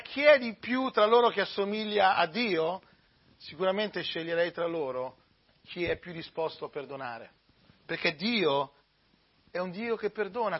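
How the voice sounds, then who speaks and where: Man, preacher, high voice, husky, emphatic sermon, dull lo-fi recording. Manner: emphatic, with swells and drops in loudness. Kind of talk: sermon with scripture reading.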